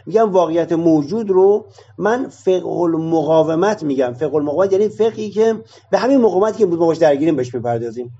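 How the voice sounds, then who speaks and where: A man's voice: fairly high pitch, animated, dark tone, dull audio. A man arguing his point in a discussion session, explaining it through rhetorical questions.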